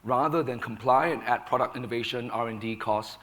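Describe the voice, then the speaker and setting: A hoarse man with a sore throat, speaking on a conference panel and explaining points in a measured, firm way. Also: mid-range voice, a bit bright. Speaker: panelist, company founder. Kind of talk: panel discussion.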